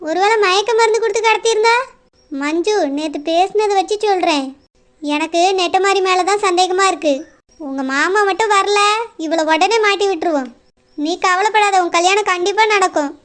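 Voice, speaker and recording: A woman plays a suspicious young village woman with a Kanyakumari Tamil accent who scolds and accuses. Her voice is very high and bright in a homemade village serial. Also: normal speed. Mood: accusing.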